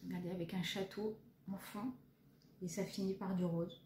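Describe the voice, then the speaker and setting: Her voice is on the low side and darkish, with fairly even intonation and a moderate pace. She's a Frenchwoman in her thirties casually showing her cross-stitch projects, chatty, hesitant, self-deprecating, and full of fillers, recorded in an echoey room with faint background noise.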